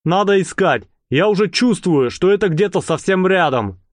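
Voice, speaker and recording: A man's voice: high-pitched, lively intonation, normal speed, no echo, studio quality, pitched above the performer's own voice. A man voicing a pompous, hot-tempered male gang leader who lectures and snaps at his followers. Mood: irritated. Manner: speechifying then snapping. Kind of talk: audiobook character voice.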